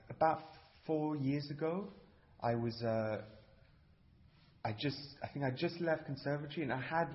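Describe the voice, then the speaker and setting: A man in his thirties from Cyprus with a London English accent, a composer speaking haltingly in a casual interview. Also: medium pitch. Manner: halting, many restarts, laughs easily. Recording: dull lo-fi sound.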